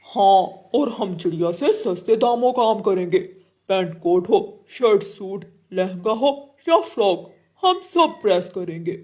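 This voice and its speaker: A woman's voice: mid-range voice, lively intonation, unhurried, dark tone. A woman doing a blustering male crow. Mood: bossy. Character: male crow, bossy and eager.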